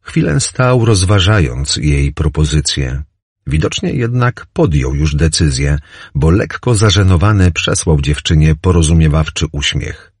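A man narrates a novel in a measured, descriptive way. His voice is very deep and husky, and his pitch moves in a lively, varied way. The recording is dry and close. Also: dry recording. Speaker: audiobook narrator.

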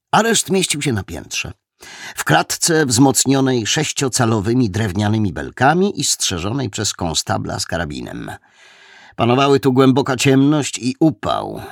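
A man narrating an audiobook with an expressive reading that voices the characters. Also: lowish voice, gravelly, no echo, clean studio sound.

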